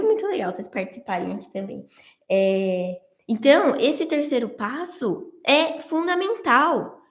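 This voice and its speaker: A woman's voice: fairly high pitch, reverberant. A woman coaching her listeners through steps one at a time, asking questions and answering them herself with everyday examples. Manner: explains step by step with everyday examples; addresses listeners directly, asks and answers own questions. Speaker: marriage coach. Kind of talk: live-streamed coaching lesson.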